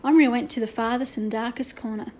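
A woman narrating a children's book in a steady, expressive storytelling manner. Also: a little high, brisk. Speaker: audiobook narrator.

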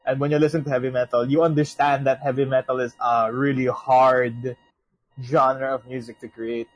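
A man's voice: medium pitch, little pitch movement, normal speed, dull audio. A young man co-hosting a casual podcast, rambling with lots of restarts and swearing. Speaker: podcast co-host. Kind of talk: casual chat.

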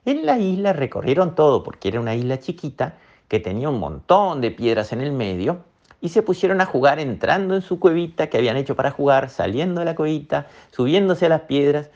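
A woman tells a children's bedtime story. Her gentle, sing-song voice swoops up and down, with playful little sound effects. The recording sounds dull and lo-fi. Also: sits low, big pitch swings, a little fast.

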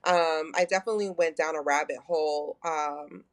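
On a podcast, a thirty-something guest with a Texan accent shares candid stories in a low voice at a moderate pace. Her manner is open and lively, she leans on plenty of fillers, and she acts out what people said.

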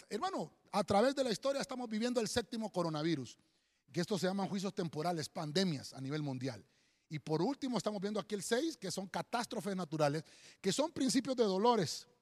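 A male pastor preaching a sermon. He speaks emphatically, often calls listeners "hermano", and pauses to write and spell words on a board. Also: sits high. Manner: teaching at a board, writing and spelling words aloud. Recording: long hall reverb.

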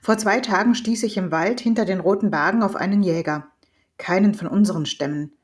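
A woman's voice: medium pitch, fairly quick, close to an everyday voice. A woman voicing a proud, hot-blooded male hunter and father in an audiobook reading, earnest and determined.

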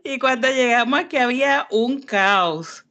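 A woman's voice: high voice, unhurried. A woman, co-hosting a casual podcast chat and acting out her family's lines as she tells stories. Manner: animated storyteller, acts out family members' voices. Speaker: podcast co-host.

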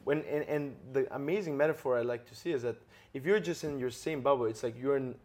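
Speaking at a quick pace, a man with a medium-pitched, darkish voice hosts an interview for his podcast. He explains ideas in an earnest way and keeps checking in with tag questions.

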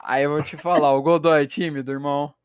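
A man's voice: on the high side, level tone, quick pace, clear, resonant tone, dry recording. A young man with a Brazilian Portuguese accent joking in slangy, casual group chat.

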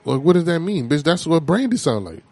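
A man's voice: on the high side, sing-song, fairly quick, creaky, a little mellow. An American man debating music casually, speaking emphatically with slangy, profane talk and repeating himself for emphasis.

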